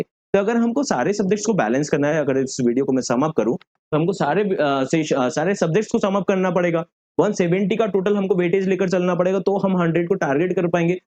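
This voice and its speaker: A man's voice: sits high, darkish tone, dry recording, highs cut off. A man who coaches students for a bank exam, talking them through a study plan in a direct way, dropping English phrases into his Hindi and often adding tag questions.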